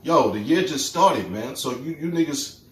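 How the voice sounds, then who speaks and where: A man's voice: mid-range voice, lively intonation, moderate pace. A man in casual religious talk, rambling, repeating himself and tagging lines with "man". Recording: roomy, distant mic with faint noise.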